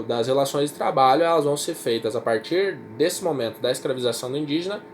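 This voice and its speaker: In this informal recorded lecture, a man with a mid-range voice and a Brazilian Portuguese accent teaches history. He speaks casually, repeats himself, and keeps asking his students "certo?" or "tá?", with a faint hiss or hum underneath.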